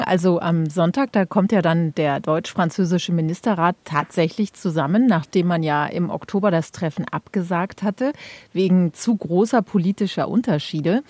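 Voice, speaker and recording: A woman interviews for a radio news programme. Her voice is mellow and fairly low, with a very dry sound. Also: dry recording.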